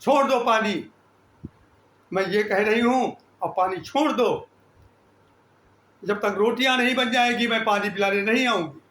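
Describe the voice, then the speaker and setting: A woman's voice: mid-range voice, a little slow, long pauses, fairly bright tone, natural voice. An older man voicing his stern, weary mother as she cooks, in an impatient, scolding tone. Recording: echoey room.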